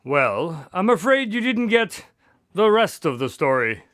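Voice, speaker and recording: Man acting Doctor Watson, bright and animated. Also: sits high, measured pace, no room sound, studio quality, exaggerated voice. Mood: genial. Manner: polite, old-fashioned, theatrical. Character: Doctor Watson, courteous, easily flustered male storyteller and sidekick. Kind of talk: radio drama acting and narration.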